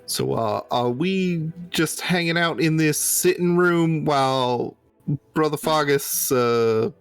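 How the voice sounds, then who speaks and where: A man with a fairly high voice plays a tabletop role-playing game. He talks very slowly and hesitantly, improvising polite in-character chat. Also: clear, resonant tone, soft background music.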